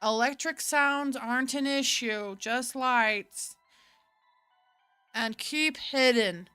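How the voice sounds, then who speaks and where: A woman's voice: on the high side, takes it slowly, bright, forceful tone, smooth, dry recording, soft background music. A woman voicing a man on a handheld radio who urgently warns about zombies. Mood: urgent warning. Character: chatty radio man guiding survivors.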